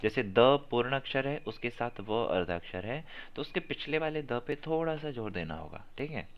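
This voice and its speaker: A man's voice: medium pitch, lively intonation, moderate pace. A man teaching a class on chanting, correcting pronunciation by repeating verses and stressing syllables. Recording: muffled lo-fi audio.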